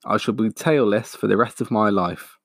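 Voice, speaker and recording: A bold, clever father fox from a children's storybook, firm and commanding, with a low, gravelly voice, as a man reads him. The sound is close and dry. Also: normal speed, no echo. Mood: glum.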